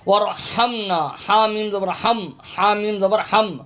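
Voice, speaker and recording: A man's voice: high voice, little pitch movement, sharp tone. A man teaching recitation in a patient lesson, spelling out letters, repeating each word several times and earnestly urging listeners to read correctly. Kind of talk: tajweed lesson, spelling out and drawing out verses.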